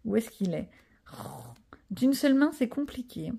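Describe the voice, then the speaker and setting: A woman's voice: fairly high pitch, sing-song, a little slow, creaky, dark tone, slightly rough. A middle-aged woman, chatting casually and rambling with self-mocking asides in a home vlog. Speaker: vlogger. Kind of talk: casual chat while coloring.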